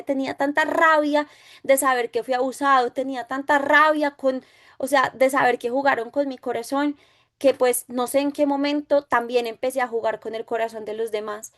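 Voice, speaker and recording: High-voiced woman teaching a faith class. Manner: anecdotal, conversational, asks "¿sí?" often.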